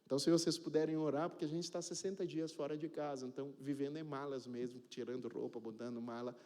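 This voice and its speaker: A man's voice: medium pitch, steady tone, fast talker, dark tone. A male pastor with a Brazilian Portuguese accent, talking to his congregation in a casual, informal way and asking them questions directly. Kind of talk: casual sermon talk to a congregation. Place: church sanctuary. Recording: church hall with long reverb.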